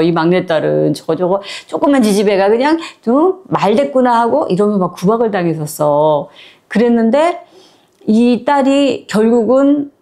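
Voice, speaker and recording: A woman's voice: on the high side, darkish tone. Woman storyteller, chatty and conversational, retelling a book aloud with fillers. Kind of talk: casual spoken retelling of a short story.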